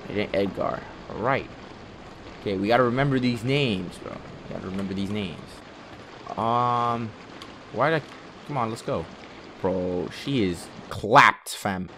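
This young gamer's voice runs on the low side at a measured pace as he nervously narrates his horror playthrough, swearing and using plenty of slang in a casual tone. The background is noisy, with music playing too.

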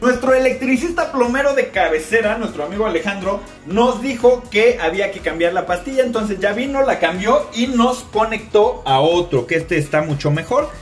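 A man in his thirties with a Mexican accent, testing a product on camera at home with a jokey, excitable manner, talking straight to viewers. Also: high-pitched, moderate pace. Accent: Mexican Spanish. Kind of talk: casual on-camera product test. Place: home bathroom and shower, indoors. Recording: roomy, distant, faint music.

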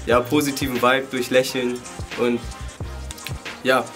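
A young man of twenty-one talks at a mid pitch, calm and measured, pausing on fillers as he explains his dance. Clear music plays under his voice as he sits indoors. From Germany. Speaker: hip hop dancer. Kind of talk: casual interview talk. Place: indoors beside a wooden wall.

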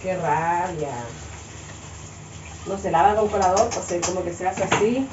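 This Chilean vlogger talks casually while cooking at home, her rants exasperated yet playful and full of laughs. She has a lowish voice and speaks a little slowly, with background noise present. The kitchen sounds echoey and dull.

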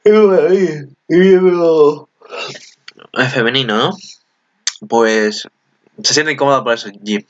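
Excitable bright-voiced Spaniard, lo-fi sound. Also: male voice, normal speed, long pauses. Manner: excitable, chatty, with sudden high exclamations. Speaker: video commentator. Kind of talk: casual reaction commentary.

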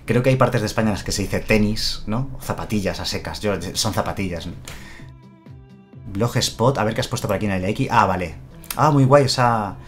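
A man's voice: on the low side, moderate pace, faint music behind. A man from chatting casually on a live stream, explaining things and answering viewers' comments.

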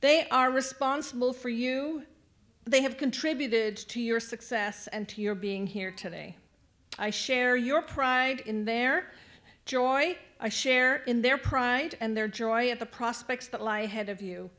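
A woman's voice: a little high, a little slow. A woman speaking at a graduation ceremony, addressing the graduates and guiding them through the tassel ritual from a podium microphone in a large venue. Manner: warm, directing the crowd with instructions. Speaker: adult education staff speaker at graduation.

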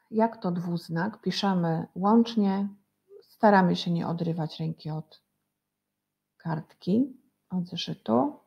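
In a recorded lesson for little children, a woman teacher patiently sounds out words one sound at a time and has the class repeat them. Her voice is lowish, creaky and a little mellow.

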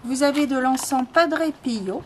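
A woman showing items she sells in a casual video, speaking slowly with many fillers and self-corrections. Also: sits high. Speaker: spiritual seller showing items for sale. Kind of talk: casual product show-and-tell. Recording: noisy home recording.

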